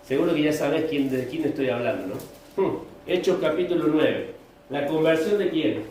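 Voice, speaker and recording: A man's voice: fairly high pitch, expressive, moderate pace, darkish tone. A man with a Rioplatense Spanish accent preaching a sermon as pastor, questioning his congregation. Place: church hall. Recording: echoey room, distant mic, faint noise.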